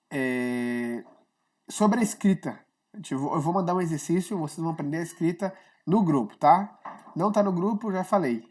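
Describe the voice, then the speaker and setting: Woman, online language teacher, casual explaining, lower-pitched voice, keeps checking in with listeners. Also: a little mellow. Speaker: Hebrew teacher.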